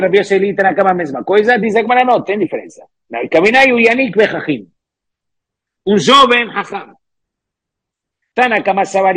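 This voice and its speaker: Husky high-voiced man teaching Talmud. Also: fairly bright tone, no room sound. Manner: reads Hebrew and Aramaic phrases, then explains them with repeated "¿cierto?". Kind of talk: Talmud class explaining a text line by line.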